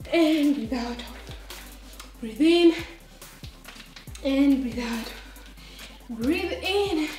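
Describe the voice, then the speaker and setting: Woman, fitness instructor, encouraging, counts reps, high voice, echoey room. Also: darkish tone. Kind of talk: workout coaching. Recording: roomy echo, distant mic, faint music.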